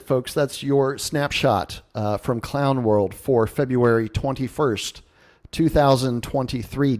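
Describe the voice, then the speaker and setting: This man, with a medium-pitched, darkish voice, hosts a radio news commentary show, reading an article and riffing on it. His remarks are informal, sarcastic and mocking, peppered with salty language.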